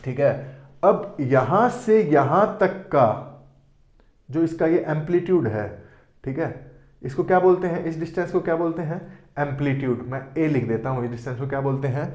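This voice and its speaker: A man's voice: a little high, normal speed, darkish tone. A man teaching a board lesson who asks questions and answers them himself, often saying "theek hai". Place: classroom with board. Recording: echoey room.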